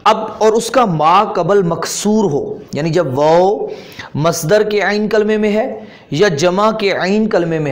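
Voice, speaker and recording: A man with a Pakistani Urdu accent teaching Arabic grammar in a classroom lesson, patiently repeating terms and asking questions that he answers himself. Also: high voice.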